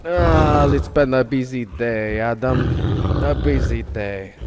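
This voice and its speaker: A man's voice: medium pitch, slow pace, close to an everyday voice. A man acting in a radio play as an urbane, gloating aristocratic general who hunts men, theatrical and condescending in manner. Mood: smug, weary. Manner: theatrical, condescendingly congratulatory, chuckling. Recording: noisy, with night insects behind.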